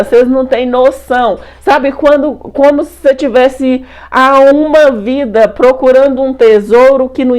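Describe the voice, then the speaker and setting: Brazilian lady, bit high-pitched, chatty storytelling, repeats herself a lot. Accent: Brazilian Portuguese. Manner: animated, repetitive, colloquial retelling. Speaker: spiritual channel host. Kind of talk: personal storytelling to viewers.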